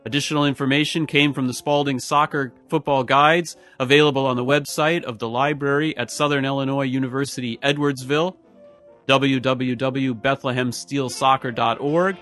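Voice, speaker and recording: A man's voice: mid-range voice, a bit bright. A man reading a scripted history narration as a podcast host. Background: music.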